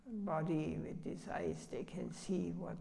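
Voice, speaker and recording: Older guy giving a sermon, super gravelly voice, halting broken english, long echo like a temple hall. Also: high-pitched, fairly even intonation, dark tone. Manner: halting, storytelling, broken non-native phrasing. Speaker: spiritual teacher.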